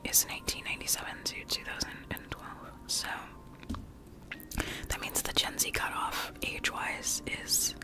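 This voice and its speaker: Whispering young woman, whispered live-stream chat. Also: normal speed. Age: young adult. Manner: soft whisper, reads chat aloud and answers. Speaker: ASMR streamer. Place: bedroom with plush toys, indoors. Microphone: studio mic close in front.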